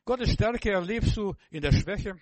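A man preaching a sermon, emphatic and repetitive, speaking straight to the listener and swinging between loud exclamations and hushed passages. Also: high-pitched, expressive, measured pace, dry recording.

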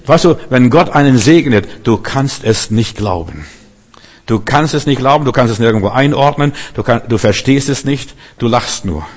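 A man's voice: mid-range voice, expressive, normal speed. A man preaching a sermon who tells the stories vividly, acts out the dialogue of the figures himself and repeats key phrases for emphasis. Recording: long hall reverb.

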